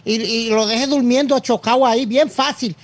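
A male podcast co-host with a strikingly high voice who cuts in bluntly during casual chat. His delivery is blunt and direct. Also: steady tone, normal speed. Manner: interjecting, blunt.

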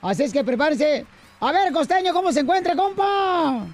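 A male radio host keeps the banter going in a boisterous, teasing way. His voice is very high for a man. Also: expressive, normal speed. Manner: boisterous, teasing, laughs often.

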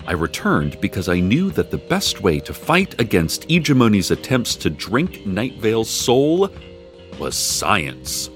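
An actor playing a wry male community radio host in a scripted radio drama, speaking in a dry, deadpan way. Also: unhurried, faint music behind, heavily acted. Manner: dry, deadpan delivery with lively swings in pitch.

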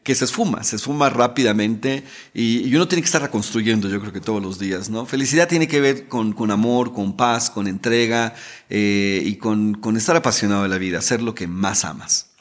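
A man's voice: fairly low pitch, normal speed. Heartfelt middle-aged man. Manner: emotional, repeats words, many tag questions. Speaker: guest. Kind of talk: storytelling interview talk.

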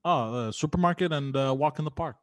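A man on a casual comedy podcast, answering hesitantly with halting fillers. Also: a little high, dry recording. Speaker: podcast guest.

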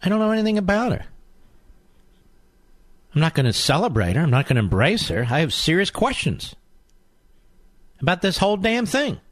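A man's voice: sits high, sing-song, normal speed, long pauses. Indignant male talk radio host. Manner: indignant, sarcastic, mocking opponents. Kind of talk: combative talk radio monologue.

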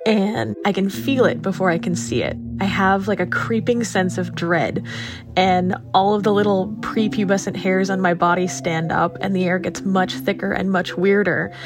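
A woman telling a personal story in a vivid, descriptive way. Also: mid-range voice.

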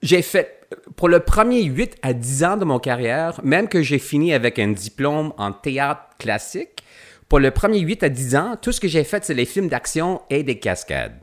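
A man's voice: on the high side, big pitch swings, normal speed. A middle-aged English-speaking Canadian man, a guest actor, speaking French in a casual podcast interview with many fillers and restarts.

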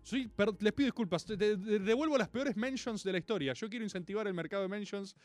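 A man with a Rioplatense Argentine accent, talking casually to his live-stream chat in a teasing, profane way that turns to slow musing. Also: high-pitched, soft background music. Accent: Rioplatense Argentine Spanish.

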